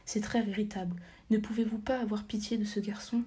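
A woman's voice: mid-range voice, fairly even intonation, fairly quick, dark tone, breathy edge. A woman voicing an elderly grandfather in a storybook reading, pleading and conciliatory. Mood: soothing. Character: elderly grandfather, worried but placating.

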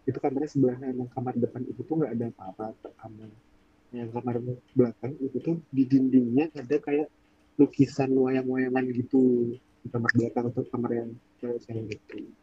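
Husky young man telling a spooky tale. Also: mid-range voice, little pitch movement, a little fast, highs cut off. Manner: rambling, searches for words, acts out quoted voices. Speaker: podcast storyteller. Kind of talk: casual horror storytelling.

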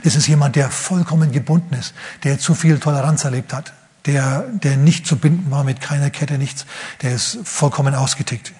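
A man's voice: mid-range voice, fairly even intonation, darkish tone, breathy edge. A man preaching a sermon who retells a Bible story vividly and briefly acts out the figures in the story. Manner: acts out the figures in quick asides.

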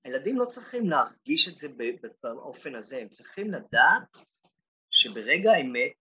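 A man's voice: medium pitch, sing-song, bright, forceful tone, slightly rough, no echo, muffled recording. A man who is an educator and podcast co-host, thoughtfully telling classroom stories, often restarting his sentences. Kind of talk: reflective casual chat.

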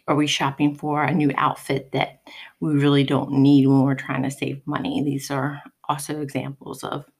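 Low raspy woman doing her solo podcast, kinda hoarse from allergies, calm and explaining stuff, some ums here and there. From United States. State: hoarse from pollen. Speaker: podcast host.

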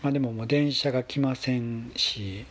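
A man with a husky voice, telling a story in a casual, polite monologue with gentle pauses. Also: mid-range voice, fairly even intonation. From Kansai, Japan. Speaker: solo talk show host.

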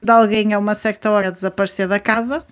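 A woman's voice: mid-range voice, little pitch movement, fast talker, clean tone. A woman with a European Portuguese accent, co-hosting a podcast and telling stories in casual chat. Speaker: podcast co-host.

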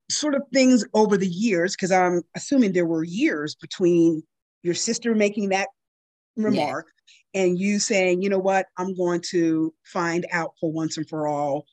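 A woman's voice: lowish voice, a little mellow, dry recording. A woman from the Pittsburgh area hosting a podcast interview, asking probing questions with frequent affirmations. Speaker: podcast host. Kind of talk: interview conversation.

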